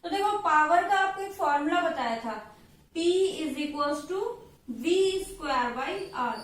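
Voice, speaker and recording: A high-voiced woman with an Indian accent works through a physics problem patiently, pausing after each step to check that her students follow. She sounds far from the microphone, and her voice echoes strongly around a bare room. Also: fairly bright tone. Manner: patient, checks in with "theek hai" after each step, writes out formulas slowly. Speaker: physics teacher. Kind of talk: explaining a worked example in a lesson.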